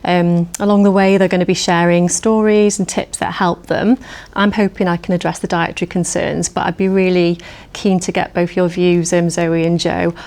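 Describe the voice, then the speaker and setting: Woman dietitian presenting a panel, slightly low pitch, measured and friendly. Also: flat delivery, darkish tone. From United Kingdom. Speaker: cancer dietitian. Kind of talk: presenting and introducing a discussion.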